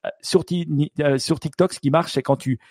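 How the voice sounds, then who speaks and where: A man's voice: fairly high pitch, steady tone, normal speed, darkish tone, no echo. A man co-hosting a podcast in casual chat, thinking aloud with many restarts and fillers. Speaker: podcast co-host.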